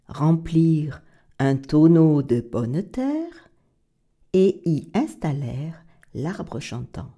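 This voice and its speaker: A woman's voice: deep voice, dark tone. A woman narrating a children's story expressively, slipping into whispers and playful bird calls.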